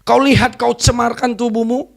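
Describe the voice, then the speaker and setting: A woman's voice: on the high side, little pitch movement, moderate pace, vocal fry, pitched above the performer's own voice. Woman voicing a sneering, taunting devil. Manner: mocking, accusing questions. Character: taunting devil, accusing and scornful.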